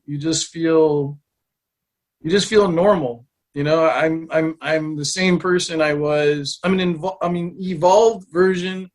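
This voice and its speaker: A man in his forties explains his advice as an interview guest, his voice sitting a little high. He rushes some phrases and drags out others, with plenty of energy. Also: rough recording. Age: 40s. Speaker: business mentor.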